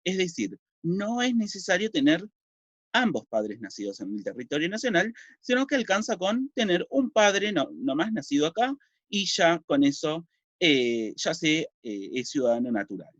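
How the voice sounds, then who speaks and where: In a recorded civics lesson, a man with a Uruguayan Spanish accent explains things step by step, raising questions and then answering them. His voice runs on the high side with big pitch swings at a moderate pace, captured on a dull, dry, lo-fi recording.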